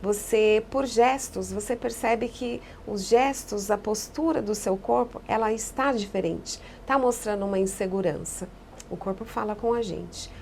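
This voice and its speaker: A woman psychologist giving calm, explanatory answers in a podcast interview, often echoing key phrases. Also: medium pitch, unhurried, gravelly, slight background noise.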